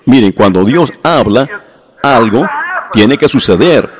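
A man's voice: mid-range voice, animated, unhurried, noisy background. A man preaching a sermon to a congregation, often breaking off to ask the listeners whether they see his point. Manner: addresses the congregation directly with repeated questions.

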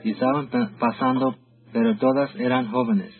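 A man's voice: medium pitch, level tone, moderate pace, breathy edge. A man preaching a sermon, telling the story of a vision and talking directly to his congregation. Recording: tinny phone-like sound with faint music.

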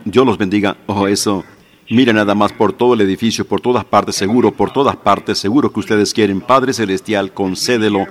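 Earnest, low-voiced man preaching. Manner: earnest, pleading, measured delivery. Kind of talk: sermon with story and prayer.

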